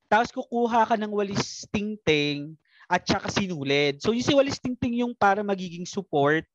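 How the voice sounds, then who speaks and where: A man's voice: high voice, normal speed, no room sound, dull audio. A Filipino man hosting a podcast, telling stories in casual chat and laughing often. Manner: animated, laughing often, code-switching. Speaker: podcast host.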